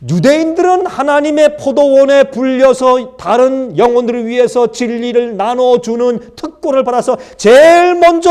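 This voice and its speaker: A male pastor giving a dramatic, animated sermon and talking directly to the congregation. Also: extremely high pitch, smooth.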